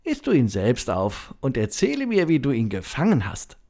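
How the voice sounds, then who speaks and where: A storyteller voicing a gentle, modest female turtle who speaks softly and politely in a children's storybook reading. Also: medium pitch, huge pitch swings, moderate pace.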